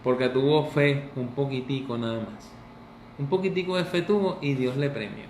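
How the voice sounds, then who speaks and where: A man preaching a sermon as pastor, in an animated, conversational way. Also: mid-range voice, moderate pace, slight background noise. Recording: echoey room with faint ambience.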